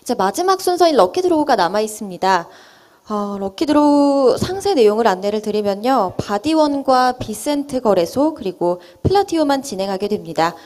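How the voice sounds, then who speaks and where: A woman's voice: on the high side, lively intonation, moderate pace, a little mellow. A woman working as an event host, announcing lucky draw numbers in a formal, polite manner.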